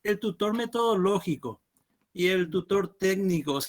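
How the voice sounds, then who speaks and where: A man's voice: high-pitched, expressive, a little slow. A male graduate student asks a polite question in an online class, and his video call audio keeps breaking up. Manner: polite, addresses the teacher formally. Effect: choppy, breaking-up video call audio.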